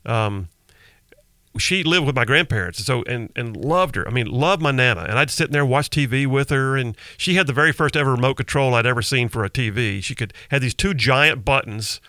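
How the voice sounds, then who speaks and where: A man's voice: medium pitch, lively intonation, a little fast, pushed and bright, dry recording. A middle-aged man hosting talk radio in a folksy, emphatic storytelling way, close on a studio microphone. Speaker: radio talk show host. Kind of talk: conversational talk radio monologue. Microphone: close studio broadcast microphone.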